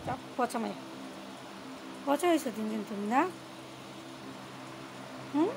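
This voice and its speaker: A young woman with a Bangladeshi Bengali accent, her voice high and bright, chats through a home cooking vlog. She coaxes and teases a little child as she goes. Loud wind and background noise roar behind her. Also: lively intonation, a little slow, vocal fry. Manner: chatty, coaxing and teasing toward a small child. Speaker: home vlogger and mother. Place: at home, partly outdoors on a windy day.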